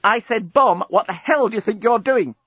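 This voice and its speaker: A man putting on a high, anxious young woman. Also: sing-song, a little fast, fairly bright tone, slightly rough, no room sound, lo-fi sound, exaggerated voice. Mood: indignant. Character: panicky young woman on a spaceship.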